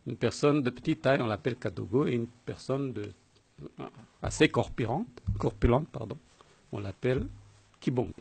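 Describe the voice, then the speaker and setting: A male court interpreter with a gravelly, husky voice, delivering the testimony in fragments. He is recorded close and dry. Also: mid-range voice, normal speed, a little mellow, dry recording.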